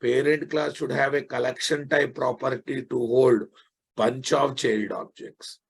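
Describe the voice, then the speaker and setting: Husky Telugu-accented Indian man teaching, slow pace. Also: medium pitch, steady tone. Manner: blunt, scolding, repeats phrases emphatically. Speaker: software programming teacher. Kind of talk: informal live online lecture.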